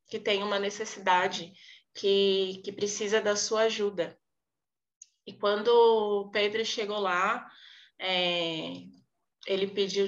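A woman walks through a Bible story from her home in a relaxed, thoughtful way, often pausing and restarting her sentences. She talks at a slow, deliberate pace. The recording is muffled and lo-fi. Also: mid-range voice. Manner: unhurried, thoughtful, with many fillers and restarts. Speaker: Bible study presenter. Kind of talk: casual Bible teaching.

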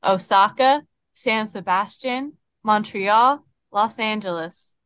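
A young woman co-hosting a podcast who leads the questions in a brisk, decisive, casual way. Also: medium pitch, a bit bright, smooth, no room sound. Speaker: podcast co-host. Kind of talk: casual chat.

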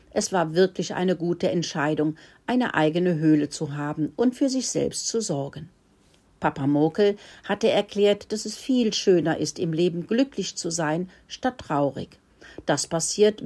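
A woman's voice: lowish voice, a little mellow. Woman reading a children's story. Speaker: narrator.

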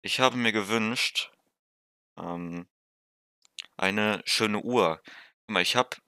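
A man's voice: fairly low pitch, takes it slowly, sharp tone, clean tone, dry recording. A teenage boy co-hosting a casual chat with friends, talking in an easygoing, plain-spoken way. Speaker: podcast co-host.

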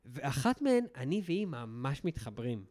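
A young man, a podcast co-host, telling a travel story in casual chat, animated and full of fillers. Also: medium pitch.

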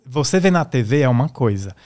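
A man's voice: mid-range voice, animated, brisk, darkish tone. A man, a guest musician, telling a personal story in a casual way and acting out the voices of the people in it. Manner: acts out the voices in his stories.

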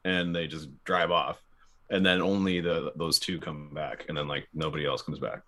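A man co-hosting a casual podcast, wry and quick to laugh, tossing in silly impressions. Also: rumbling low, little pitch movement, pushed and bright. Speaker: podcast co-host. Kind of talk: casual chat.

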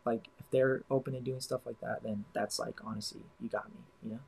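A man's voice: mid-range voice, flat delivery, fairly quick, gravelly, a little mellow, husky, rough recording. A young man co-hosting a casual chat, rambling with lots of "you know" and "like" fillers. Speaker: podcast co-host.

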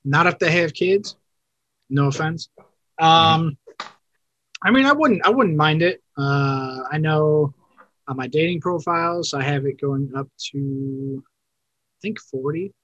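A man's voice: a little high, slow pace, long pauses, fairly bright tone, dry recording, lo-fi sound. A man in his thirties chatting casually on a podcast, rambling and correcting himself as he goes. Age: 30s. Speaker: podcast co-host. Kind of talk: casual chat.

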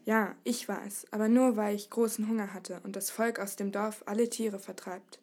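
Lady reading as a sad wary dragon, slow and low-key, storybook creature. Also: fairly even intonation, a little mellow, lightly acted. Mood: gloomy. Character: hungry gloomy suspicious dragon.

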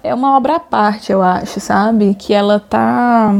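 Mellow-voiced Brazilian woman discussing music. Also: mid-range voice, measured pace, gravelly, slight background noise. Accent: Brazilian Portuguese. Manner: chatty, frequent "sabe?" tags, searching for words.

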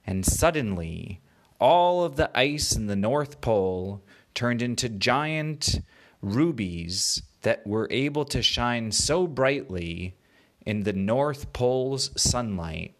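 A man narrating an improvised bedtime story as a children's storyteller, in simple, repetitive phrases for young listeners. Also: medium pitch. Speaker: children's storyteller, podcast host.

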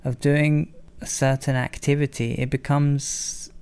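A man's voice: mid-range voice, level tone, measured pace, a little mellow, clear, resonant tone. A man hosting an educational language podcast in a chatty way, mostly in English with the odd slip into Spanglish.

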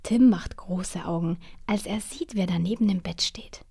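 A woman reads a children's bedtime story in a soft, half-whispered voice. Her tone is mellow and dark, with a breathy, husky grain. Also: fairly low pitch, normal speed.

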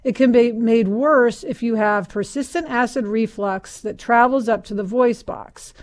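An American woman co-hosting a casual podcast, with a slightly hoarse voice, gravelly vocal fry and a self-deprecating manner. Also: a little high, unhurried. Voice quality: somewhat hoarse. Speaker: podcast co-host.

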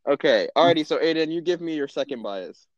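A young man with a Texan accent tells stories on a casual podcast, and his voice swoops up and down as he acts out his own reactions. His voice sits fairly high for a man. The sound is dry and a little dull, like a lo-fi recording. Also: lively intonation, quick pace, no room sound. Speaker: podcast host. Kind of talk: casual chat.

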